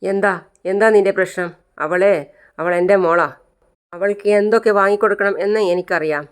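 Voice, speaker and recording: The narrator voicing a scheming man who taunts and threatens, in a clear voice. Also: high voice, fairly even intonation, fairly quick, natural voice.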